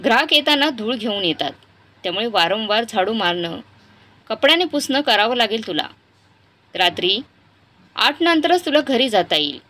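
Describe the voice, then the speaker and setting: A woman's voice: a little high, big pitch swings, moderate pace, long pauses, pushed and bright, full character voice. A woman voicing a kindly, reassuring male shop worker in a spoken story. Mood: instructing.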